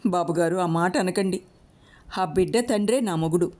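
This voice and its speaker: A woman's voice: lowish voice, moderate pace, a little mellow, close to an everyday voice. A woman voicing a poor young mother pleading tearfully for her child, in a storybook reading.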